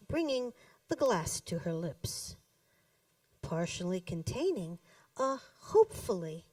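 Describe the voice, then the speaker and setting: At a live reading in an indoor cafe, a woman performs her own poems for an audience, her fairly high, slightly mellow voice swinging widely in pitch. She shapes each line deliberately and dramatically, with pauses and emphatic stress on key words. A distant mic captures her with roomy echo.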